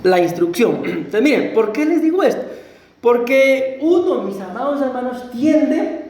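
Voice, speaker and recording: A Costa Rican man preaching as a pastor, telling his own testimony in a conversational way, often clearing his throat and asking the congregation questions. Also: very high-pitched, very animated, measured pace, darkish tone. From Costa Rica. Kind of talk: sermon with personal testimony. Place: church sanctuary. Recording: echoey church room.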